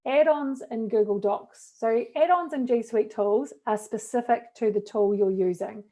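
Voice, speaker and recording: Mellow New Zealand woman demoing software. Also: fairly high pitch, measured pace. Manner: chatty, upbeat, casual fillers. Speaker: teacher trainer. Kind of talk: live webinar tech demo.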